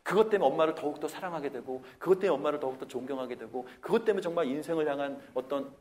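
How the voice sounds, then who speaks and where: A man preaching a Sunday sermon as pastor of a Korean church, acting out complaints in a raised voice between calmer stretches. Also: on the high side, racing. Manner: animated preaching, acts out whiny complaints in a raised voice.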